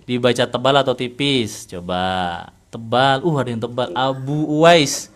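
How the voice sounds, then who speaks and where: An Indonesian man with a mid-pitched voice runs an online Quran recitation class. He corrects his student patiently, asks leading questions and chuckles now and then as he explains. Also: unhurried. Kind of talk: interactive online recitation lesson.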